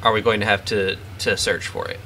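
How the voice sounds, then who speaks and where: A man playing a tabletop game, expressive and prone to exclaiming. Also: on the low side, brisk, a little hiss or hum. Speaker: player.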